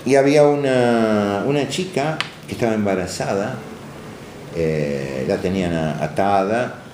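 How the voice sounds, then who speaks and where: Older man, Rioplatense accent, very low voice, lively pitch, halting, echoey noisy room. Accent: Rioplatense Spanish. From Argentina. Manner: halting, with hesitations and restarts. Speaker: doctor interviewee. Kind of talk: oral history recollection. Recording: echoey room with clear background noise.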